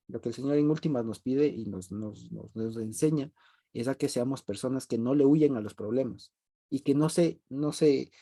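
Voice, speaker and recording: A man leads a relaxed group Bible study in a mellow, dark-toned voice. He talks conversationally, circles back to repeat his main points, and often breaks into a brief chuckle. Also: medium pitch, creaky. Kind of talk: informal group Bible teaching.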